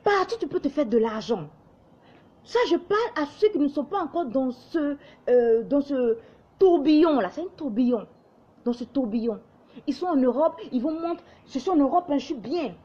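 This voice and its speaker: A woman's voice: sits high, animated, moderate pace, dark tone, muffled recording. A young woman from Ivory Coast with a light Ivorian accent, delivering an impassioned, lecturing monologue to camera. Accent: light Ivorian French. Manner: lecturing, exhorting, mimics others in quoted asides. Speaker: online commentator.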